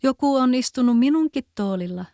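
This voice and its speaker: Little bear cub in a storybook, high small voice, Kven accent, mellow and dry, read by a woman. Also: expressive, dry recording. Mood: upset. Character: small child bear, squeaky and upset.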